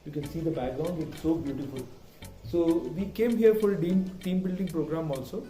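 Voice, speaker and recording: A man's voice: a little high, animated, extremely slow, warm tone. A man with a Malayali accent presenting a casual vlog, switching mid-sentence between Malayalam and English. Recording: roomy, distant mic with music behind.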